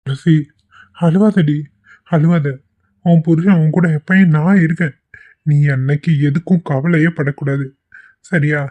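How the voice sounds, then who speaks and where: A man voicing a young husband in an amateur cartoon, gentle and coaxing as he pleads with his wife. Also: on the high side, steady tone, measured pace, long pauses. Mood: consoling. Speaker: voice actor. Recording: tinny phone-like recording.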